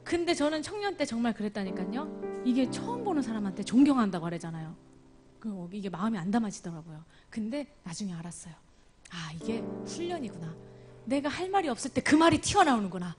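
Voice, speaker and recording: A woman telling her life story as a church testimony, moving from loud exclamations to near whispers. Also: on the high side, very animated, brisk. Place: church service. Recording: music playing clearly behind her voice. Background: instrumental music.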